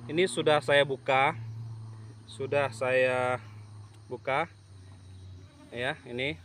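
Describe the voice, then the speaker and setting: A man talking casually to camera in a vlog outdoors at a plantation, slow and halting with many fillers. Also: medium pitch, level tone, a bit bright, a little hiss or hum. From Indonesia. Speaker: YouTube channel owner. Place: outdoors at an oil palm plantation. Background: insects and rural outdoor ambience.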